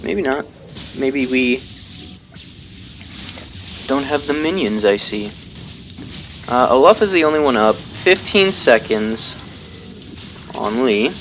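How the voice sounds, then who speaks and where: A man's voice: mid-range voice, lively intonation, slow pace, pauses often, fairly bright tone, a little hiss or hum. Casual man commentating his own gameplay. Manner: casual, thinking aloud, self-deprecating; explains tactics while playing.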